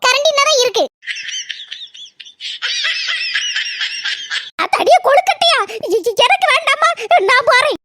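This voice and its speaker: A woman's voice: very high voice, animated, brisk, shouting, heavy background noise. A woman voicing a greedy, scheming older village mother-in-law in a cartoon, nagging and scolding with a southern Tamil accent. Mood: wheedling. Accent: southern Tamil (Tirunelveli–Kanyakumari). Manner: nagging, scolding, grumbling in rural slang. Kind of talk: cartoon comedy voice acting.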